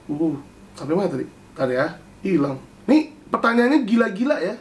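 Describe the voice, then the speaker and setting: A young man hosting a casual chat, answering viewer questions with animated swings in pitch. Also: moderate pace. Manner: animated, jumps pitch to read questions aloud.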